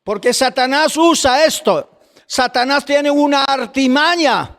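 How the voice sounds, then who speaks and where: High-voiced preacher in an echoing church. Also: male voice. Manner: preaching with slow drawn-out phrases and sudden shouts. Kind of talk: fiery sermon. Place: church hall. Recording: long reverb of a church hall.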